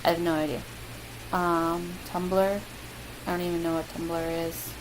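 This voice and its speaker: A young woman with a Midwestern American accent talks casually through a word list, her lowish voice moving at a measured pace. She fills it with ums and self-deprecating asides, vlogger-style, over a loud steady hiss.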